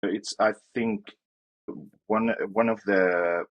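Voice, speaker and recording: A man's voice: lowish voice, steady tone, slow, dull audio. A young man from Syria answering interview questions in a hesitant way, with fillers and restarts. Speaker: interview guest.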